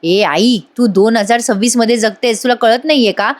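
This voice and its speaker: A woman's voice: a little high, normal speed, close to an everyday voice. A woman voicing a modern young daughter who coaxes and explains with impatience. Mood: exasperated. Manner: coaxing, exasperated.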